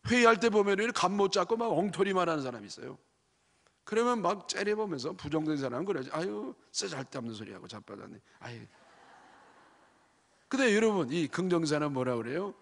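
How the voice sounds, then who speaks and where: A man preaching a sermon as a pastor in a church, animated and often prompting the congregation with short questions. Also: high-pitched, fast. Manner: acts out quoted churchgoers in changed voices. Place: church sanctuary. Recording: long church hall reverb.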